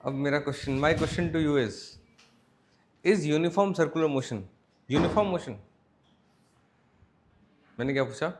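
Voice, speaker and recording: A man's voice: a little high, a little hiss or hum. A man with an Indian accent teaching physics, mixing Hindi and English, checking in with his students and dictating notes word by word. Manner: mixes Hindi and English, asks students frequent check questions; slow, word-by-word dictation while writing. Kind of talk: classroom lecture.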